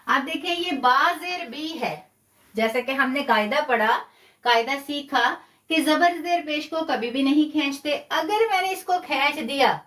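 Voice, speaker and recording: Leading a live online class in Quran recitation, a woman slowly and patiently spells out the sounds and offers her students praise. Her voice is high-pitched and fairly bright.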